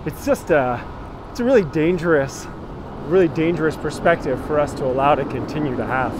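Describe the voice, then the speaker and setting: A brisk, slightly high-voiced tour guide in his thirties chats through a live-streamed walk outdoors, greeting viewers by name. He films on a phone held at arm's length on a city street with traffic in the background.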